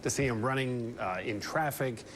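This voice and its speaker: A man, a network TV correspondent, previewing stories in a brisk, enthusiastic way. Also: medium pitch, fairly bright tone, slight background noise. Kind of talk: remote interview segment.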